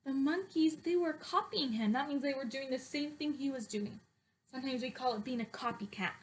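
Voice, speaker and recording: A woman teacher reads a picture book aloud to young children, sing-song and emphatic, stopping to ask them questions. Her high voice moves briskly, with a slight hiss or hum in the recording.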